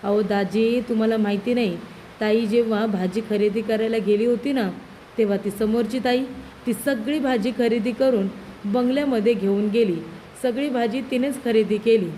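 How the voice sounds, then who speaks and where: A woman's voice: fairly high pitch, steady tone, moderate pace, mellow, slight background noise, close to an everyday voice. A woman reading out the lines of a teasing young brother-in-law who tattles on his sister.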